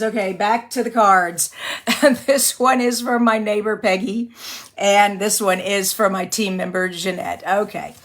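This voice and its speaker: On her chatty craft livestream, a woman from Texas demonstrates card-making in a medium-pitched voice gone a bit raspy from allergies and singing. Rambling comes naturally to her, as do frequent apologies and easy laughter.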